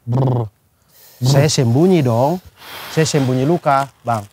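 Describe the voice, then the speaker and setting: A man's voice: medium pitch, slow, slight background noise. A man telling a childhood story in casual chat with friends, acting out the scene as he goes. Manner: animated storyteller, acts out scenes with gestures.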